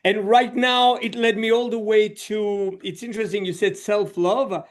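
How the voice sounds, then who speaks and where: Speaking at a moderate pace with a steady tone, this Swiss social coach's voice sits high. The middle-aged guest reflects on his story in a conversational podcast interview, filling it with "you know."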